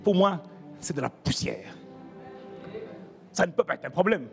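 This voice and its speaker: A man's voice: high voice, animated, measured pace, vocal fry, big-room sound, faint music behind. A man preaching a sermon as pastor, emphatic and calling out to the congregation. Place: church.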